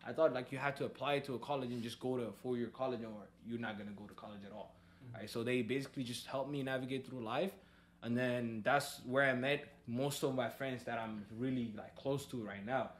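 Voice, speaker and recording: Relaxed young man from Ethiopia. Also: mid-range voice, brisk. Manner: relaxed, many fillers and "like". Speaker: podcast guest, soccer coach. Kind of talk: casual conversation. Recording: faint background noise.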